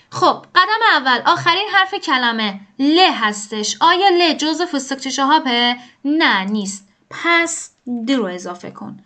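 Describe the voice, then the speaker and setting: Bright, high-voiced female language teacher. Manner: patient, explains rules aloud, poses and answers her own questions. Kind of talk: step-by-step grammar lesson.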